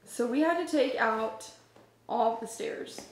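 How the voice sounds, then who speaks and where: A woman's voice: on the high side, takes it slowly. A woman in her twenties giving an upbeat, chatty tour of her house renovation on a handheld camera. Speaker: vlogger. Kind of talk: casual home-renovation vlog. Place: empty rooms in a house under renovation. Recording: echoey bare rooms, faint noise.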